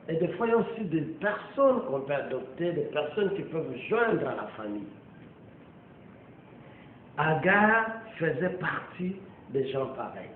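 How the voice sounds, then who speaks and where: Guy preaching slow n emphatic, lively up-and-down voice, tinny echoey recording w faint rumble. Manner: slow, emphatic preaching with long pauses and frequent "amen". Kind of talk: sermon.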